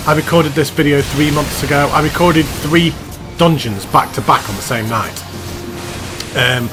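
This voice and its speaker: A man talks over his gameplay footage in a loose, self-mocking way, laughing at his own jokes as he goes. His voice sits at an ordinary middle pitch, and music plays clearly behind him. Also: poor audio. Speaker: gaming channel host. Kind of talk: game commentary voice-over. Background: background music.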